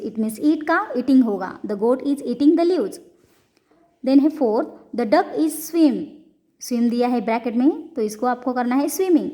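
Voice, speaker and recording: A high-voiced woman teaches a lesson in an unhurried way. She reads the sentences slowly and carefully and spells words letter by letter. Between them she switches to quicker explanations in Hindi. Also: warm tone.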